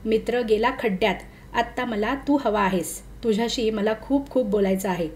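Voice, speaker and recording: A woman's voice: a little high, moderate pace, natural voice. A woman reading a bold, cool-headed young woman. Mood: eager. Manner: calm, easy and commanding. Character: bold, self-assured young city woman.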